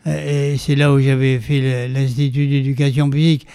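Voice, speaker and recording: Brief: older French man, veteran performer, mellow resonant voice, dry close sound. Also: mid-range voice, fairly quick, clean tone, dry recording. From France. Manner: animated, theatrical storyteller with many restarts. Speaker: guest, veteran stage performer. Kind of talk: interview, autobiographical storytelling.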